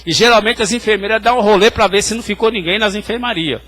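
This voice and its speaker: High, bright-voiced pastor preaching. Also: male voice, fast talker. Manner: tells hospital stories, addressing the congregation directly. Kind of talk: sermon.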